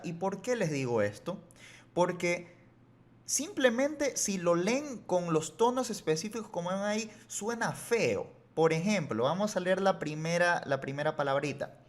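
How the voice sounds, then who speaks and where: A man teaching a language lesson on video, explaining rules patiently and reassuring his viewers as he repeats examples slowly. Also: on the high side. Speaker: Mandarin teacher.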